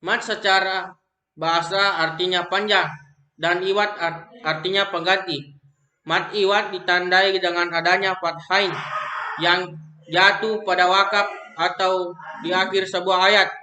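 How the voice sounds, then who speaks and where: A young man with an Indonesian accent reads a lesson on recitation rules aloud, slowly and haltingly, often restarting words. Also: high voice, flat delivery, pushed and bright. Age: young adult. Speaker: student presenting an assignment. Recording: echoey room.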